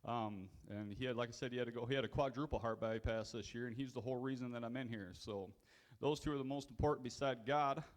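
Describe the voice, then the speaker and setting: A man who is an auctioneer, giving a speech and then calling bids in a fast rhythmic chant at an event. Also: medium pitch, fairly even intonation. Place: event hall.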